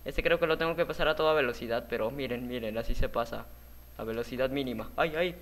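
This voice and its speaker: A man's voice: mid-range voice, quick pace. Guy doing let's-play commentary, chatty, yelps and laughs when he messes up, normal mid voice. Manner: chatty, talks to viewers while playing; jumpy, yelps and laughs at his own falls. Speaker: gaming video host.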